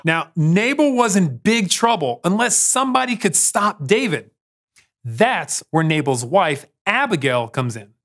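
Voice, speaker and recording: A man's voice: high voice, very animated, a little slow, fairly bright tone. A young man hosting as narrator, telling a scripted story for children. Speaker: narrator host. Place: studio.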